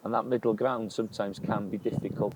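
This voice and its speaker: A plain-spoken man who farms for a living talks earnestly in an interview. He is recorded outdoors in the countryside. Insects hum and rural noise sits clearly behind his voice. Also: on the low side, steady tone, a little fast. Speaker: farmer. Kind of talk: documentary interview.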